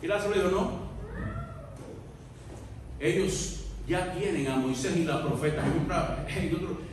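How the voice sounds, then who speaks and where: A man preaching a Spanish sermon as pastor, swinging from soft murmurs to loud shouted peaks and acting out biblical dialogue. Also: on the high side, unhurried, background noise. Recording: echoey hall recorded from far off.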